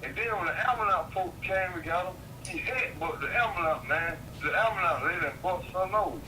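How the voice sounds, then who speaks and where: A man's voice: sits high, fairly quick, recorded from a distance. A man chatting casually over a landline phone, telling stories in slangy, profane, repetitive talk. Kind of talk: casual phone chat, storytelling. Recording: noisy muffled landline jail phone call.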